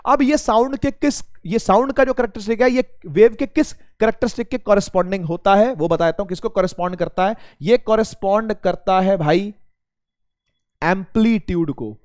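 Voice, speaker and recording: High-voiced male teacher, dry sound. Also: brisk, a little mellow, dry recording. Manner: addresses students as beta, asks and answers his own questions. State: slightly strained throat. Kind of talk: casual spoken physics lesson.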